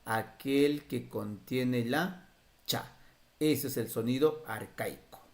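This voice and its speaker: A man's voice: mid-range voice, slow pace, gravelly. A man teaching an online class on spelling, speaking Spanish with a Peruvian accent, patiently asking questions and answering them himself. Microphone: video call.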